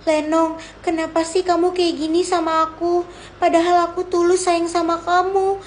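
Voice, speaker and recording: A woman voicing a timid, fearful young woman who talks hesitantly and softly in a homemade drama. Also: very high voice, little pitch movement, normal speed, slight background noise. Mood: pleading. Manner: hesitant, soft and pleading.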